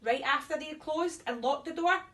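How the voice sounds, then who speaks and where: A woman reading a children's story aloud in an animated, sing-song delivery for small children. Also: sits high, brisk, far from the mic.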